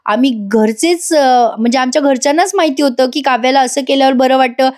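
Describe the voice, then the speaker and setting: Brief: hoarse woman reading a polite young woman, a bit high. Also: fast talker, a little mellow, close to an everyday voice.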